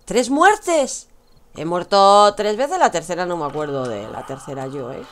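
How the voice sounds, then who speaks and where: A woman's voice: fairly low pitch, lively intonation, measured pace, a little hiss or hum. A young woman with a Spanish accent from Spain, chatting and teasing her viewers while she streams a game. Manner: chatty, teasing, addresses chat, laughs often. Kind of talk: casual gameplay commentary.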